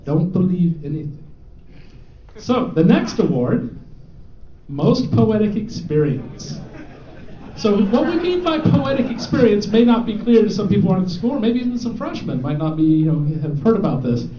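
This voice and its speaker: A man with a high, mellow voice hosts an awards show and teases the winners. The sound is roomy and a bit muffled, as from a hall. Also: very animated, normal speed. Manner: joking, teasing. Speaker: awards presenter. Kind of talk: announcing awards to a live audience. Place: event hall with an audience. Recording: echoey, dull hall recording.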